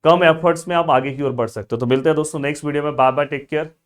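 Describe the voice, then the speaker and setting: A man, coaching students through an exam study plan in an energetic, friendly way. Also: a little high, rapid-fire, clear, resonant tone. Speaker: tutor.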